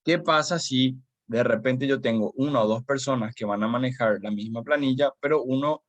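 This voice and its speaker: This is a man, teaching a live class over a video call. He talks in a mid-pitched voice with a loose, chatty flow full of fillers and tag questions. The sound is dry and close, with no room around it. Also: normal speed, dry recording, highs cut off. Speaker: Excel course instructor.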